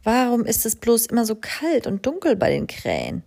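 A woman voicing a fussy, self-centered female crow who talks in an excitable, whiny and hurried way. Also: a little high, vocal fry, pitched above the performer's own voice, full character voice.

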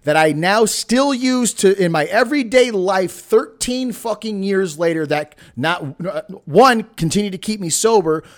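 The speaker is a late-thirties male podcast host giving a fired-up motivational talk, swearing now and then for emphasis. He has a fairly high-pitched voice, recorded at studio quality without any echo.

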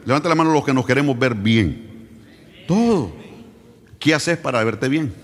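A man preaches with fervor, his ordinary, mid-pitched voice now and then rising into shouted, sung-out phrases. He keeps putting questions straight to the congregation. The church hall lends a long, trailing echo. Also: animated, moderate pace. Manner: fervent preaching that swells into shouted, sung-out lines; asks the congregation direct questions. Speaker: pastor. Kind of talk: sermon.

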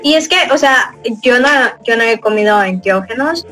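Chatty Mexican woman, soft music behind. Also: fairly high pitch, expressive, moderate pace, poor audio. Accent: Mexican Spanish. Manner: rambling, heavy fillers, chuckles. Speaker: podcast host. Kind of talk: casual chat.

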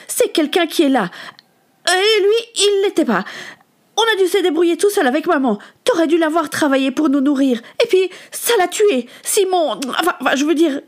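A woman's voice: very high-pitched, bright, forceful tone, pitched above the performer's own voice, exaggerated voice. A woman reading a novel aloud, voicing an upset boy who is angry and close to tears.

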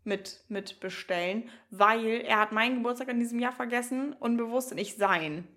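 A woman's voice: fairly high pitch, moderate pace. A young woman co-hosting a podcast, telling stories in casual chat with slang and frequent laughter. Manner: laughing, slangy, animated storytelling. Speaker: podcast co-host.

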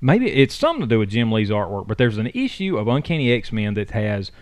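A man co-hosting a casual chat show, telling rambling, animated stories about old comic books. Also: lowish voice, fairly quick, no room sound. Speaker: podcast co-host.

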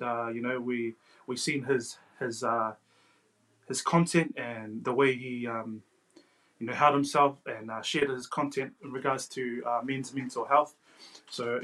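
Guy hosting a laid back podcast, mid pitch, kinda hesitant, says bro and you know a lot. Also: a bit bright, rough recording. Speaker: podcast host. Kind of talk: casual, unscripted interview hosting.

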